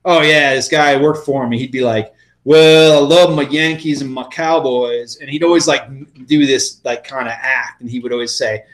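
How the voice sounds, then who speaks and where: A man's voice: mid-range voice, steady tone, normal speed. A man co-hosting a podcast, telling rambling stories in casual banter and swearing freely. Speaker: podcast co-host.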